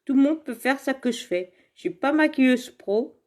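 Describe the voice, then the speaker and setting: A woman's voice: high voice, animated, normal speed. Chatty woman streaming from a phone. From Saint-Étienne area, France. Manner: chatty and rambling, laughs often, talks to viewers by name. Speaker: direct seller presenting makeup products. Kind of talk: casual live makeup demonstration. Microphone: phone camera in front of her.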